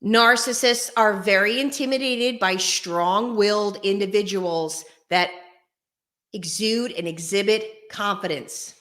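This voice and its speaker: A woman hosts a casual advice video in a slow, deliberate delivery with a bright, forceful voice. She speaks straight to her listeners with emphasis. The room is bare and echoes noticeably around her words. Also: mid-range voice. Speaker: host. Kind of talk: casual direct-to-viewer advice talk. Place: echoey room without carpets or soundproofing. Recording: echoing bare uncarpeted room, faint music.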